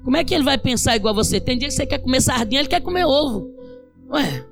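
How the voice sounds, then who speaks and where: High-voiced woman pastor preaching emphatically. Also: animated, fast, gravelly, over music. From Brazil. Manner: emphatic preaching with shouted peaks and humorous storytelling. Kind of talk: sermon. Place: church.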